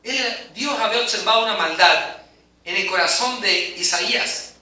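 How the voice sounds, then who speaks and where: A man's voice: sits high, moderate pace, bright, forceful tone. A man preaching a sermon, emphatic and dramatic, swelling and dropping in intensity. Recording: very echoey hall, mic at a distance.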